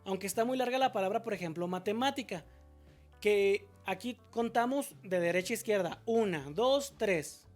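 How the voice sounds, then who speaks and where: A woman's voice: medium pitch, normal speed, faint music behind. A woman teacher explaining a spelling lesson patiently, asking questions and answering them herself, and drawing out example words syllable by syllable.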